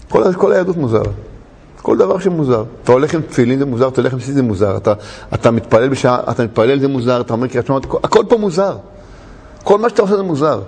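A man giving a storytelling sermon, animated and laughing often as he tells a story. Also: medium pitch, gravelly, breathy edge. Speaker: religious teacher. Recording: long hall reverb.

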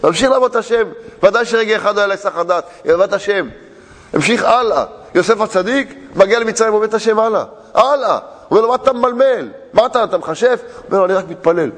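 Animated preaching man, echoing hall. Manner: animated, swings between low murmurs and high exclamations. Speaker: rabbi.

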